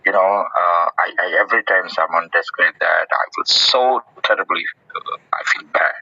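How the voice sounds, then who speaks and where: A man hosting a casual group discussion in an audio chat room, earnest and halting, with many restarts. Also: sits low, creaky, pushed and bright, husky, no echo. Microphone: phone in an audio chat app. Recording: muffled dry audio-room recording.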